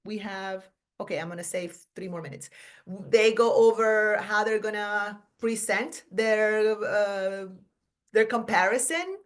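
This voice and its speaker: Her voice is medium-pitched and unhurried as this middle-aged woman teacher leads a workshop talk in a conference room. She's conversational and casual, often asking "right?" and correcting herself partway through sentences.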